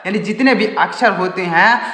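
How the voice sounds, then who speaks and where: High-voiced man teaching in an echoey room. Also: normal speed, sharp tone. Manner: repeats questions to viewers and answers them. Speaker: English teacher. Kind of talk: explaining a lesson step by step. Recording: echoey room with long reverb.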